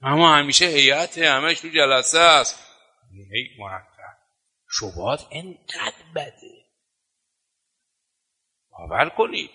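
A male preacher delivers a sermon in a tense, piercing voice pitched a little above the usual for a man. He drives his points home with emphatic, rhythmic repetition. His words ring out with the long reverb of a large hall. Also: expressive, long pauses, sharp tone. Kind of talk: sermon with storytelling.

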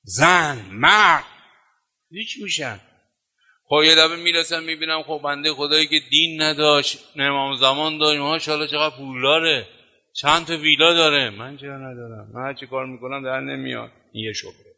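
In a hall with long reverb, a man preaches a storytelling sermon in a steady, sharp voice on the high side. He drives each point home through emphatic, rhythmic repetition.

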